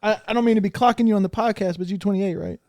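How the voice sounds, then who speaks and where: A man's voice: high voice, very fast, darkish tone, no room sound, studio quality. A man hosting a podcast in casual chat, laid-back and joking, swearing freely. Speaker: podcast host.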